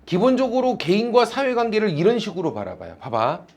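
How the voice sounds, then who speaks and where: Lively, teasing male teacher with a high voice. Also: brisk, vocal fry. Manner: lively, teasing, calls on students by name. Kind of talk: classroom lecture. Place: classroom.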